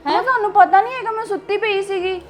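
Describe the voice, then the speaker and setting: Young woman as defiant granddaughter, very high voice, rapid, talking back, faint music. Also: slight background noise. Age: young adult. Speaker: college-going granddaughter. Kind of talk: web-series family drama acting.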